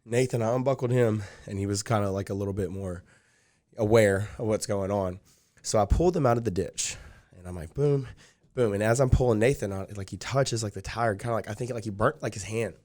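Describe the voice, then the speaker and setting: A man's voice: lowish voice, fairly quick, a little mellow. A young man telling a long personal story in casual chat, rambling with lots of fillers. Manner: rambling, many fillers like "like" and "dude". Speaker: podcast guest.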